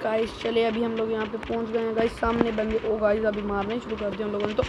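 Woman shouting quick game calls. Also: fairly high pitch, completely flat delivery, lo-fi sound. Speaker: gaming streamer. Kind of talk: excited gameplay commentary with teammates. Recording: noisy game stream audio.

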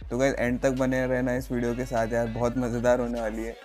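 A man's voice: mid-range voice, monotone, fairly quick, darkish tone, soft background music. A young man hosting a tech video channel in a casual, chatty way, calling his viewers guys and using lots of filler sounds. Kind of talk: casual vlog talk.

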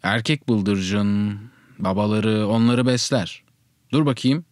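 A man reading the lines of a calm, matter-of-fact father out hunting, speaking slowly and evenly. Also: on the low side, no echo, studio quality. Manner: slow, measured, unruffled.

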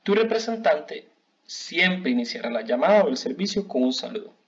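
A man teaching a bilingual customer service English lesson, modeling phrases slowly for learners to repeat. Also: on the high side, very animated. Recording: dull lo-fi recording.

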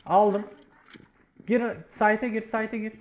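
A man leading his team, shouting quick commanding callouts during a match. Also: high voice, flat delivery, slight background noise. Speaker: team leader and streamer. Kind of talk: live game commentary and callouts.

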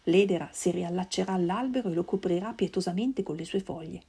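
A woman reading a literary novel aloud in a measured, solemn way. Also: fairly low pitch, vocal fry, dark tone, husky. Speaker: reader.

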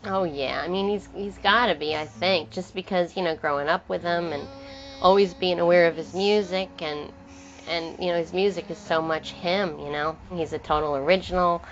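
A woman's voice: lowish voice, fairly even intonation, moderate pace. A woman singer-songwriter talking casually in an interview, rambling with frequent restarts and trailing thoughts. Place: in New York. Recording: muffled lo-fi film sound. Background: guitar music underneath.

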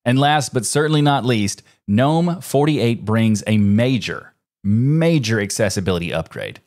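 In a small home studio, a tech video host in his thirties presents a casual scripted explainer to camera, mixing in chatty personal asides. His mid-range voice is expressive, unhurried, and slightly dark, picked up by a close broadcast mic on a boom arm.

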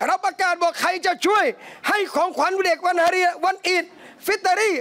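A man with a strikingly high voice preaches a lively sermon to a live audience, telling animated stories. He keeps turning to his listeners as brothers and sisters. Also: a little fast. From southern Thailand. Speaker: Islamic preacher. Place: cafe hall, live talk.

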